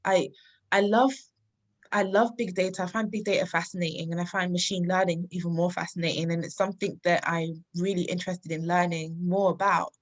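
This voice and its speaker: A woman's voice: on the low side, fairly even intonation, fairly quick. A woman in her thirties from London, a podcast guest speaking earnestly and reflectively, often laughing. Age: 30s. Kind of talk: casual interview talk.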